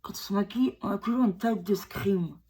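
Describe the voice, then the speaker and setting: With a cold and a dark-toned, medium-pitched voice, this woman in her forties speaks briskly as she does her makeup at home. She's a beauty vlogger giving a casual tutorial chat, poking fun at herself and using many fillers and restarts.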